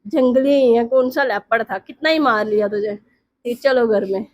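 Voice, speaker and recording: A woman voicing a playful young male friend who keeps coaxing his buddy, in an easygoing, persuasive way and a little lower than her own voice. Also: normal speed, darkish tone, highs cut off, close to an everyday voice.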